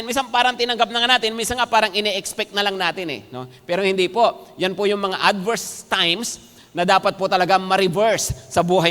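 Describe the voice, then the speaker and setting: High, bright-voiced pastor preaching. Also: male voice. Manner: addresses the congregation and often checks in with "no?" and "amen po?". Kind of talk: sermon. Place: church sanctuary. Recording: long reverb of a large hall.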